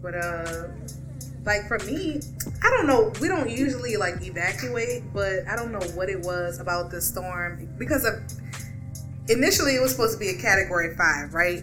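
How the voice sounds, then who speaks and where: New woman, mid pitch, chatty and relaxed, music playing clearly under her. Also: moderate pace. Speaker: podcast co-host. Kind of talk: casual conversation.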